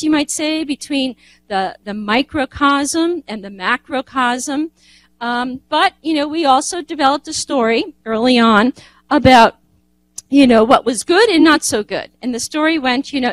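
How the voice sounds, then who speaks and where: A woman's voice: high voice, a bit bright, no room sound, low-quality recording. Chatty woman giving a lecture. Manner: conversational, frequent "you know" and restarts. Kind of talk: informal lecture with slides.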